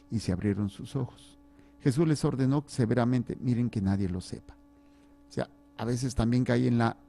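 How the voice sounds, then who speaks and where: A man, a priest, giving a relaxed Bible study, reading scripture aloud with fillers and asides to his listeners. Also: mid-range voice, gravelly.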